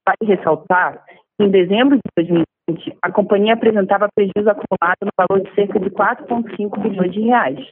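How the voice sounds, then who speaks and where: Formal Brazilian woman, husky, presenting. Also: mid-range voice, steady tone. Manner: formal, measured reading. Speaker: investor relations director. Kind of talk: scripted financial presentation. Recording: muffled lo-fi conference phone line.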